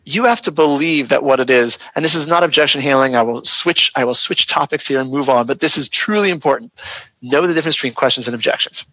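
A man's voice: medium pitch, quick pace, pushed and bright, dry recording, low-quality recording. A man, a real estate agent, explaining how to handle client objections in an earnest, practical teaching tone during a webinar interview.

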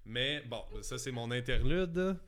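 A man's voice: medium pitch, animated, unhurried. Teasing Quebec man, noisy recording. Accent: Quebec French. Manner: teasing, laughs while talking. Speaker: podcast co-host. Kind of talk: casual chat.

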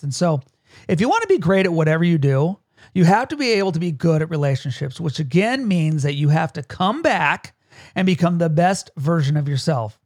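A man's voice: high voice, dry recording, studio quality. A man hosting a podcast about leadership, talking casually, laughing often and tagging his points with "right?". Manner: chatty, laughs often, keeps asking "right?". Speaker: podcast host and leadership coach.

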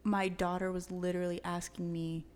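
Animated woman podcast co-host. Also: on the low side, normal speed, in a large hall. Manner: animated storyteller, frequent likes. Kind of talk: casual chat.

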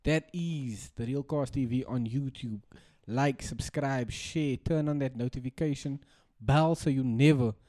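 A man's voice: medium pitch, measured pace, a little mellow. A South African man co-hosting a podcast in casual banter, with laddish, bro-heavy slang. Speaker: podcast co-host.

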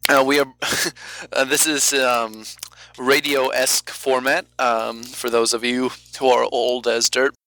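A man's voice: mid-range voice, flat delivery, slow, pushed and bright, rough recording. A man hosting a podcast and narrating a guild story as game master, hesitant and full of ums. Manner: hesitant, lots of ums and uhs.

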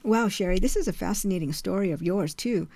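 A woman hosting an interview, warm and affirming toward her guest. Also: medium pitch, a little fast, dry recording. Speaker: interview host. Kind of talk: interview conversation.

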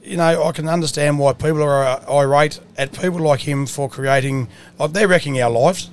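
A man's voice: on the high side, moderate pace. A man with a broad Australian accent co-hosting a podcast in casual, matey, colloquial chat. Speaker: podcast host. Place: mobile podcast setup at an outdoor rally.

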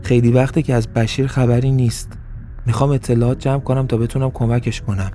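A man voicing a calm, stern older police colonel who gives measured, firm commands. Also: medium pitch, soft background music, natural voice.

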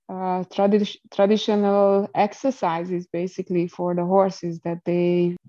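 Hungarian woman w accent chatting in an interview, soft mellow tone, bit of a dull recording, feels her way thru sentences. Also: fairly low pitch. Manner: hesitant, searching for words in non-native English. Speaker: interview guest, equestrian rider. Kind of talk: conversational interview explanation.

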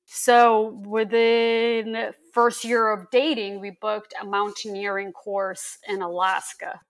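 A woman from Lithuania, a guest on a podcast, telling stories in a lively, animated, casual way. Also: medium pitch, takes it slowly. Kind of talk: casual interview chat.

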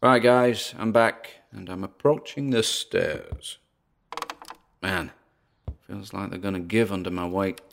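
An actor voices a driven but nervous paranormal investigator who records himself alone for an audio drama, halting as he speaks apprehensively to listeners. His deep, gravelly voice is exaggerated, though his intonation stays fairly even.

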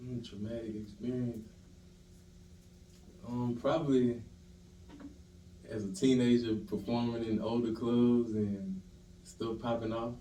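A man guest talking in a calm, laid-back, slangy way in casual conversation. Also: medium pitch, slow pace, long pauses, background noise. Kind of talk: casual interview chat. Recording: echoey room, mic at a distance.

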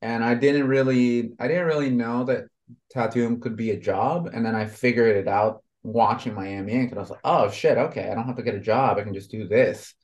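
A man's voice: mid-range voice, steady tone, brisk, darkish tone, highs cut off. Rambling man in his thirties, from Honduras. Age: 30s. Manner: rambling, lots of fillers like "you know". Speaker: tattoo artist guest. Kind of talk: casual conversation.

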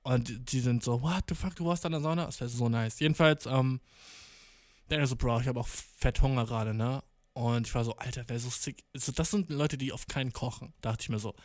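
A man's voice: mid-range voice, fairly even intonation, moderate pace, a little mellow, no room sound, studio quality. A young man telling a casual, slangy anecdote full of swearing, acting out the people he quotes. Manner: slangy, swearing, tags lines with "ne?"; acts out quoted people in the story. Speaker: storyteller.

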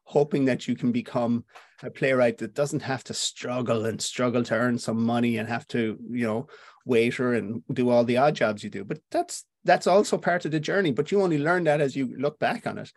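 A man's voice: mid-range voice, moderate pace, no room sound. Irish man, playwright guest, reflective, thinking aloud, dry close sound. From Ireland. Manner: reflective, with frequent fillers and restarts. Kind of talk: conversational interview.

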